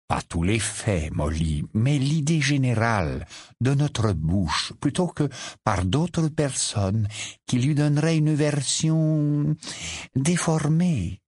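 A kind, measured mentor in a spoken storybook, voiced by a man — slow, deliberate and a little raised in pitch. The voice is husky and lively in its rise and fall. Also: dry recording, studio quality. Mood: reasoned. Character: gentle, measured older friend and teacher.

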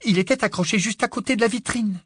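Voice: medium pitch, fast, fairly bright tone, breathy edge, no echo, studio quality, pitched above the performer's own voice. A reader voicing an eager, determined teenage girl witch in an audiobook, breathless and urgent.

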